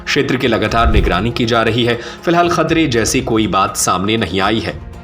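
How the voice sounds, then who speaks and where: A man's voice: fairly low pitch, lively intonation, normal speed, fairly bright tone, faint music behind. A man reading scripted news narration as a reporter in voice-over.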